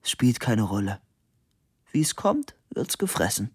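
A man's voice: on the low side, big pitch swings, measured pace, breathy edge, no echo, studio quality, full character voice. A man voicing a resigned, rambling old male inventor in a storybook reading, with a wry, musing manner.

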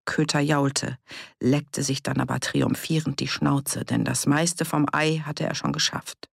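A woman narrating an audiobook in a steady, measured storytelling manner. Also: low voice, vocal fry, husky, dry recording, clean studio sound. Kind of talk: scripted narration.

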